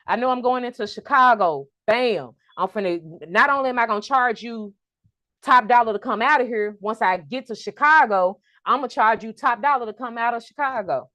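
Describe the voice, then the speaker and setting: A woman giving an online trucking business workshop, lively and preacher-like, calling out to her audience for an amen. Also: a little high, dry recording. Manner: energetic, preacher-like call and response.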